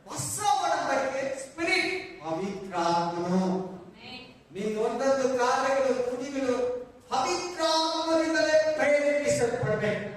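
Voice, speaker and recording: A man preaching a Sunday sermon as pastor, impassioned and repetitive, with emphatic call-outs and English words mixed into his sentences. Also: very high-pitched. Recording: very echoey church hall, voice from far off.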